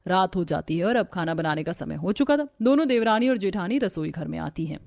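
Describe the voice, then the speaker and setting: A woman giving scripted narration of a family story in an even storytelling tone. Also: lowish voice, fairly quick, gravelly, no echo.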